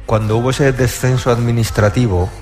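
A middle-aged man speaks at a mid pitch. He chats as a comedian guest on a talk show, joking and teasing himself. He sounds animated. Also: a little fast, soft background music. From Castilla-La Mancha, Spain. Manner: jokey, self-mocking, animated. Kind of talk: casual talk show chat. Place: studio with live audience.

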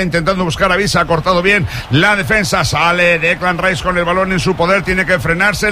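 A man with an accent from Spain giving breakneck, excited football commentary on live radio, stretching out shouted goal calls. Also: high-pitched, slight background noise.

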